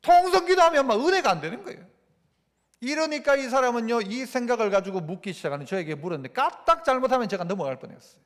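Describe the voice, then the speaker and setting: Animated high-voiced male pastor in reverberant church. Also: fast. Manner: animated, asks the congregation rhetorical questions. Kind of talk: sermon. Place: church sanctuary. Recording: long church-hall reverb.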